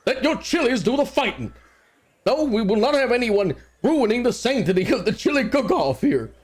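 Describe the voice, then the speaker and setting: Guy doing a loud folksy small-town constable, bossy, pitched up high. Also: very animated, moderate pace, heavily acted. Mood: stern. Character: gruff middle-aged male town constable, bossy.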